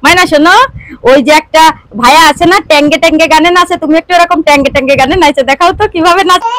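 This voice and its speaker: A woman's voice: high-pitched, racing, fairly bright tone, no room sound. A woman filming a little girl for a family vlog, coaxing her in playful baby talk and asking her for animal sounds. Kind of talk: casual vlog chat, talking to a toddler.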